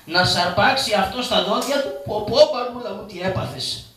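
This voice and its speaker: A man's voice: high-pitched, bright, forceful tone, slight background noise. A man voicing a poor, cowardly, joking male trickster of shadow theatre, who stammers and babbles in fear on a live stage. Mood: frightened. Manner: fearful comic babbling, stammers, calls on his mother. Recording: echoey live stage from a distance.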